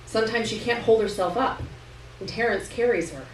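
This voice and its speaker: A woman with a brisk voice on the high side reads fiction aloud to an audience at a live event in a roomy indoor venue. The live recording is distant and echoey, with noticeable hiss.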